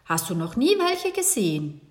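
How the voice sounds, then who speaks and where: A woman's voice: fairly high pitch, huge pitch swings, moderate pace. A woman voicing a genial injured uncle. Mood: chatty. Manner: chuckling, chatty. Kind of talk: children's audiobook reading.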